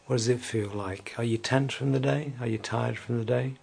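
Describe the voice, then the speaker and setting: A man leading a guided evening relaxation, speaking slowly and soothingly and at times sinking to a soft whisper. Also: medium pitch, steady tone, creaky, breathy edge.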